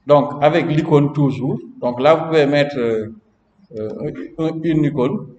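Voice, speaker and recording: A man's voice: on the high side, unhurried, a little mellow, a little hiss or hum. A man instructing a class in programming during a live coding lesson, chatty and often checking in with the students. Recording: roomy, dull lo-fi classroom recording with long reverb.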